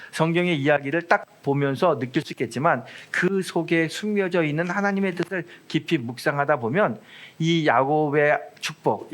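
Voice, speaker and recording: A man's voice: on the high side, fairly bright tone. Chatty middle-aged male pastor preaching. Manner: chatty, humorous storytelling with asides to the congregation. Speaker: senior pastor. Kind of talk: conversational Sunday sermon.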